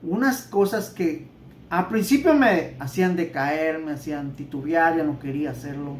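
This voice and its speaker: A man's voice: on the high side, normal speed, slight background noise. A man with a Central American Spanish accent, teaching the Bible in an earnest, conversational way and often repeating words. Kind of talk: Bible teaching sermon with personal testimony. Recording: roomy echo.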